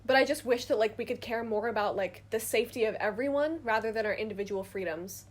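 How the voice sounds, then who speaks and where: A woman's voice: a little high, quick pace. Chatty teen woman, filler-heavy. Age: late teens. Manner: rambling, filler-heavy, with frequent "like". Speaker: podcast co-host. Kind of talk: casual chat.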